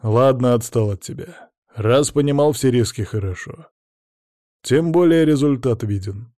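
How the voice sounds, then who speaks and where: A man's voice: medium pitch, unhurried, warm tone, dry recording, studio quality, natural voice. A man voicing a blunt, lecturing male veteran mentor in an audiobook. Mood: gruff, lecturing. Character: gruff veteran male mentor, mocking and stubborn.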